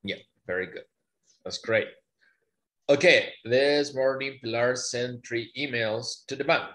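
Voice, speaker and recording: Male online tutor, mid-pitched voice, playful and teasing. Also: unhurried, a bit bright. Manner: playful, teasing, mock-dramatic. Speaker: Spanish tutor. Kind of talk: online language lesson.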